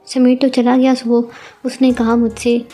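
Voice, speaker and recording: A woman voicing a kind middle-aged mother-in-law who talks in a gentle, reassuring way. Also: fairly high pitch, monotone, moderate pace, close to an everyday voice. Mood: soothing.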